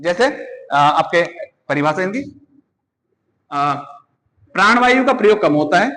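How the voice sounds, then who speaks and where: A man's voice: high voice, animated, unhurried, pushed and bright, long reverb tail, low-quality recording. A man teaching an exam-prep grammar lesson, asking questions and answering them himself, repeating key points.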